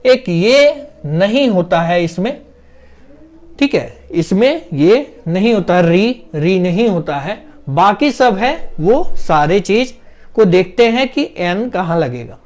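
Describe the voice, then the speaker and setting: A man's voice: high-pitched, expressive, takes it slowly, a little mellow. A man teaching an English grammar lesson step by step, asking questions and answering them himself. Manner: explains step by step, asks and answers his own questions; drags out vowel sounds when demonstrating pronunciation. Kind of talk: classroom-style grammar lesson.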